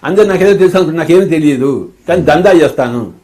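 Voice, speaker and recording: An older man talks in a quick, high voice, teasing and playful. He slips into little acted-out voices as he tells stories in casual conversation. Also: lively intonation, mellow. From India. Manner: playful, teasing, acts out quoted dialogue. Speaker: spiritual teacher being interviewed. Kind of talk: casual chat.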